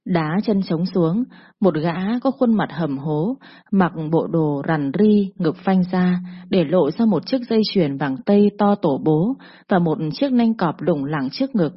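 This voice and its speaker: Woman storyteller, vivid scripted narration, husky, muffled audio. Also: on the low side, animated, measured pace. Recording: dull lo-fi recording.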